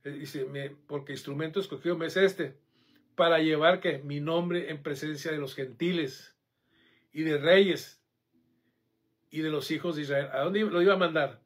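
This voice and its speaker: A man preaching a sermon, animated and conversational, often checking in with the congregation. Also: fairly high pitch, moderate pace.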